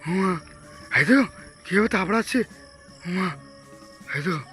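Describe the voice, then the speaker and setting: Filming a ghost-hunting vlog over soft background music, a man speaks to his viewers as if they were friends. His voice sits high and sounds bright, forceful, and expressive at normal speed, broken by jumpy, scared outbursts and repeated calls of "mother."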